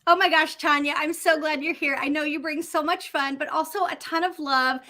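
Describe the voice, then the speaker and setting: A woman's voice: sits high, fairly even intonation, a little fast, pushed and bright. A middle-aged woman hosting an upbeat online session from a home office, talking in an effusive, enthusiastic way over a video call. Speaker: host.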